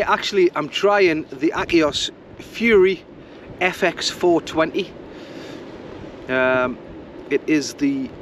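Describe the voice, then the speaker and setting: A man's voice: fairly high pitch, a little hiss or hum. A man chatting casually to camera while fishing on a beach, rambling and thinking aloud as he goes. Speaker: fishing vlogger. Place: outdoors on a beach. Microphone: camera mic.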